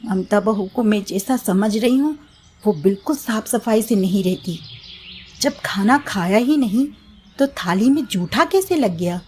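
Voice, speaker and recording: A woman's voice: mid-range voice, animated, a little slow, a little mellow, a little hiss or hum, natural voice. A woman voicing a fussy, watchful mother-in-law in a storybook, suspicious and particular about cleanliness. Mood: disgusted. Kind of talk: storybook voice acting.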